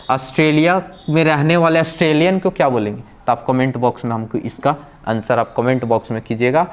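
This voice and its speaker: A man teaching a vocabulary lesson who keeps asking questions and answering them himself, explaining patiently step by step. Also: medium pitch. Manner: drills with repeated questions and answers. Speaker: language teacher. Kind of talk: classroom-style vocabulary lesson.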